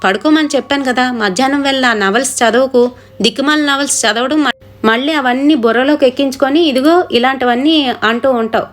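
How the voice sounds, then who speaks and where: A woman's voice: high voice, a little fast, natural voice. A woman doing a bossy protective husband, lecturing, dismissive, close to her own voice. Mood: reassuring. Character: protective, scolding young husband.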